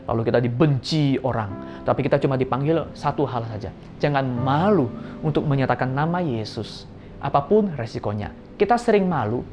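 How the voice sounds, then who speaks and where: A young man giving a Sunday school sermon, lively and playful, telling stories and acting out voices, on a slightly dull recording. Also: mid-range voice. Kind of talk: children's sermon.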